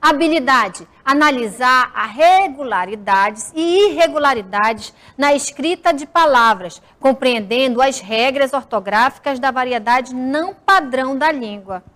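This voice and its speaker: Slow, high-voiced teacher. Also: female voice, expressive, a bit bright. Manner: slow and deliberate, drawing out words for students. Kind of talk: recorded school lesson.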